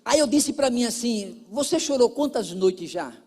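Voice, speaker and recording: A man's voice: very high voice, expressive, measured pace, darkish tone. A male pastor with a Brazilian Portuguese accent, preaching a sermon and telling a counseling story, acting out the dialogue and repeating phrases for emphasis.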